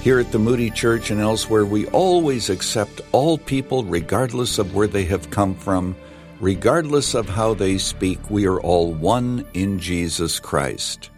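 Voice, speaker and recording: An older man from Canada preaching a radio sermon as pastor, animated, swelling to emphatic peaks and dropping low. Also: unhurried, long reverb tail, faint music behind.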